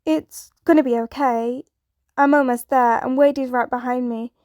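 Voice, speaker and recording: A woman's voice: high voice, fairly even intonation, normal speed, a little mellow, no echo, clean studio sound, close to an everyday voice. A woman voicing a young male superhero in a fan fiction reading, urgent and anxious yet reassuring.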